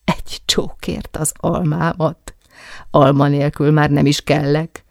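Reader playing a cocky young man in a romance audiobook, gravelly, dry and mocking. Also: mid-range voice, level tone, no echo, close to an everyday voice.

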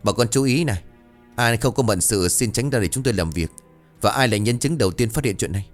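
A man voicing a village official who addresses a crowd in a brisk, commanding way. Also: mid-range voice, lively intonation, soft background music, close to an everyday voice.

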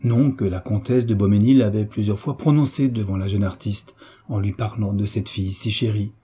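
A man reading a classic novel aloud in a measured, even audiobook narration. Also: fairly low pitch, husky. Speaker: audiobook reader.

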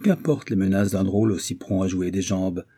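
An eager young diplomat speaks briskly in an audiobook, voiced by a male reader. His voice is a bit raised from the reader's low, dark tone. It stays husky. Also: fairly even intonation.

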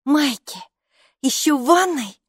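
A storybook schoolgirl, eager and bright, with a high, lively voice and a hushed, secretive streak, as a woman narrator plays her. The reading is close and dry. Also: slow pace, no echo. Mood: excited. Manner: eager, conspiratorial whispering. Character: excitable schoolgirl, the older sister.

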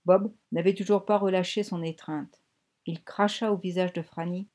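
A woman reading a novel aloud in measured, vivid scripted narration. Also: lowish voice, steady tone, darkish tone. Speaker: audiobook narrator.

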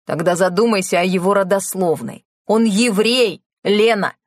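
A woman's voice: mid-range voice, normal speed, no room sound, studio quality, lightly acted. Woman doing a strict dad, serious and firm, lecturing his daughter. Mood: stern. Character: stern protective father, middle-aged.

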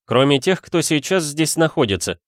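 Self-assured detective, narrator voices him; curt, thoughtful, raised pitch. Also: male voice, very animated, moderate pace, no echo, studio quality. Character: confident, shameless male detective.

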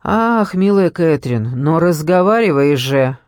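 A man's voice: fairly high pitch, expressive, measured pace, a little mellow, dry recording, studio quality. A man voicing a cruel, mocking ex-husband who taunts in a sneering way.

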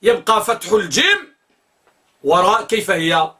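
A man teaching a grammar class with a high, bright voice. He explains at length and repeats words slowly to spell out each vowel. He pauses to put questions to his listeners. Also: sing-song. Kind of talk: classroom lecture on pronunciation.

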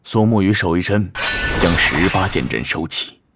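A man's voice: low voice, expressive, normal speed, over music. A man narrating a dramatised story as a scripted, dramatic narrator.

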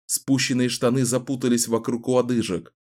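A man narrating a fantasy audiobook in a measured, dramatic storytelling voice. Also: medium pitch, flat delivery, darkish tone.

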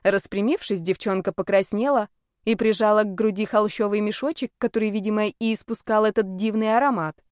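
Woman narrating a brisk, sardonic fantasy audiobook. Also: mid-range voice, fairly even intonation, a little mellow, clean tone, no room sound, clean studio sound. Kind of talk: scripted first-person narration.

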